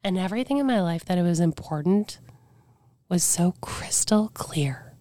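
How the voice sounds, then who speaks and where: A woman in her forties with a hoarse, weakened voice, telling her story as a podcast guest in a candid, reflective way. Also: lowish voice, animated, moderate pace, mellow, no room sound. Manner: earnest, reflective, breaks into faint whispers.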